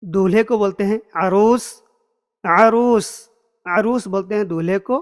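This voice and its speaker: A man with a high voice runs a relaxed, spoken vocabulary lesson. He says each word slowly and says it again with stress so it sticks. His voice trails off in a long, ringing hall reverb. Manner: repeats words slowly and stresses them. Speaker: Arabic language teacher.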